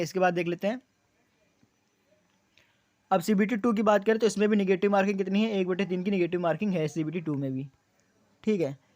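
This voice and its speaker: High-voiced man explaining exam rules. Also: darkish tone, no echo. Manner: repeats key points as questions and answers; frequent fillers. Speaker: exam coaching YouTuber. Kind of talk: explaining exam details to students.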